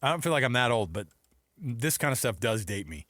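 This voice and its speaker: A middle-aged sports radio host chats casually, spinning jokey, animated stories. His mid-range voice runs a little fast, captured on a close studio microphone with a dry, clean sound.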